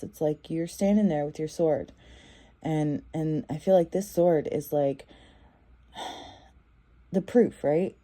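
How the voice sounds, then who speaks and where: A woman's voice: on the low side, mellow. A woman giving a casual tarot reading, talking in a loose, repetitive way with many fillers and restarts. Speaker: tarot reader.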